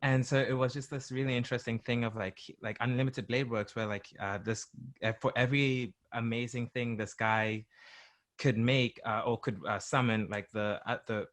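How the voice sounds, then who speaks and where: A man's voice: medium pitch, steady tone, normal speed, fairly bright tone. A young man, a musician guest, from England and South Africa, talking casually in a rambling way with many fillers and restarts. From born in England, grew up in South Africa. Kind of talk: casual interview chat.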